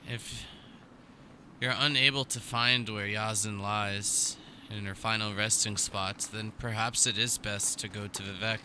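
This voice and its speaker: Man doing a hushed, slow spirit auntie in a tabletop game, bright tone. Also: fairly low pitch, steady tone, a little hiss or hum. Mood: solemn.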